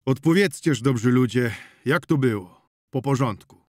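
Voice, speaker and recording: A man voicing a commanding older male farmer who calls out loud orders in an audiobook. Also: mid-range voice, animated, normal speed, gravelly, dry recording, studio quality.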